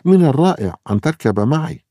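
A man's voice: low-pitched, sing-song, normal speed, warm tone, slightly rough, no echo, studio quality, exaggerated voice. A man voicing a kind, cheerful young male helper in a reassuring, friendly manner.

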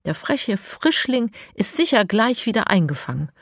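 A woman's voice: mid-range voice, big pitch swings, dry recording, clean studio sound, pitched above the performer's own voice. A woman voicing a cheerful, reassuring grandmother in a children's audiobook. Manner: reassuring, brisk. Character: cheerful grandmother, calm and commanding.

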